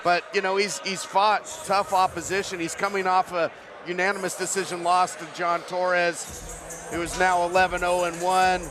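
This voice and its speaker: A man's voice: high-pitched, flat delivery, normal speed, music in the background, a crowd in the background. A man giving live play-by-play boxing commentary, setting up the fight and the fighters' records.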